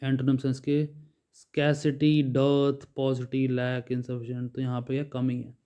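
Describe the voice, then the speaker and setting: Man, vocabulary teacher, monotone, dark mellow voice, dull lo-fi recording. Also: medium pitch, normal speed, clear, resonant tone. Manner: reads word lists, adds Hindi explanations with frequent "ठीक है". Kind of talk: bilingual vocabulary lesson.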